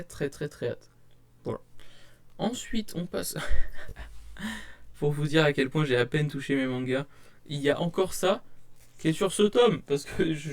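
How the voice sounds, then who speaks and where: At his desk at home, a young man vlogs to camera through a desk webcam, showing the manga he has bought. His voice is slightly high, and he comes across as rambling and hesitant, with many fillers and restarts. He describes himself as shy.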